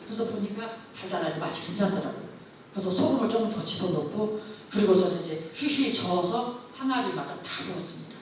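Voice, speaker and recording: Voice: mid-range voice, fairly quick, a little hiss or hum. A pastor preaching a sermon through a story, acting out the dialogue as it goes. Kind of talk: testimony sermon. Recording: very echoey church hall, mic far off.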